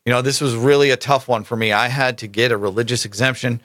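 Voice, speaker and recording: A man's voice: medium pitch, fairly even intonation, fast talker, a bit bright, no echo, studio quality. A man hosting casual political commentary, reading articles aloud with emphatic rhetorical asides and stumbling over names. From United States.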